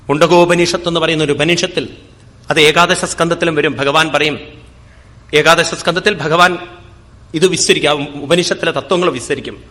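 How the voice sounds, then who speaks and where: A man giving a spiritual discourse, chanting verses slowly and then explaining them in plain speech. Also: fairly high pitch, fairly bright tone. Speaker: spiritual teacher. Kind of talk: scripture discourse.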